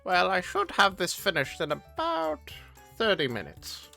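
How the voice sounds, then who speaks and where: A gruff old craftswoman, as a man puts her on while reading a game story aloud, pitched high with a lively, swinging delivery. She pries into her visitors' business and scolds them freely. The man's own voice sits under the put-on age. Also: a little slow, soft background music, heavily acted. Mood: scolding. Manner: teasing, nosy, scolding. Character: gruff old female workshop master.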